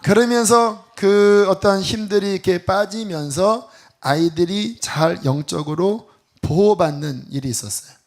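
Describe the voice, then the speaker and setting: High-voiced Korean pastor preaching. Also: male voice, unhurried. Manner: animated storytelling, acting out quoted voices. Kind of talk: sermon with personal testimony.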